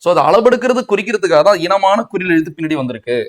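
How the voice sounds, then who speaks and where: Tamil Nadu male tutor, high voice, quizzes himself through each point. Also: sing-song, quick pace. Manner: asks and answers his own questions, mixing in English words. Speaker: Tamil grammar teacher. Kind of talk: exam coaching lecture.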